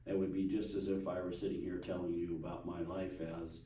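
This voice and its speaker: A man's voice: sits low, completely flat delivery, fairly quick, warm tone. A man talking conversationally as an event organizer in an interview. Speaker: gathering organizer, interview guest. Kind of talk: casual conversational interview talk. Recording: roomy, distant mic, faint noise.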